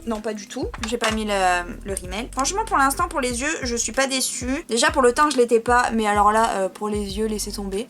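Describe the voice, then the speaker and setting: A young woman chatting casually in a beauty vlog, self-mocking and talking while she tries on makeup. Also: a little high. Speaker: beauty vlogger. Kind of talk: casual makeup tutorial chat.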